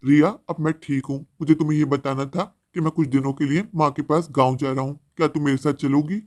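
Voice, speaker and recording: A man's voice: a little high, steady tone, fast, darkish tone, natural voice. A man voicing a remorseful grown son who speaks in an earnest, pleading way. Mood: longing.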